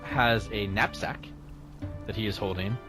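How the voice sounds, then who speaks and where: A man narrating casually as game master, improvising hesitantly with lots of pauses. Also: fairly low pitch, fairly even intonation, over music.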